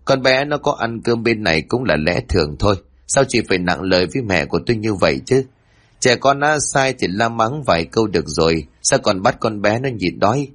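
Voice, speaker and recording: A man's voice: fairly low pitch, expressive, fairly quick. A man voicing a level-headed grown son who firmly rebukes a neighbor. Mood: reproachful. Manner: firm, reproachful. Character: level-headed adult son, restrained anger.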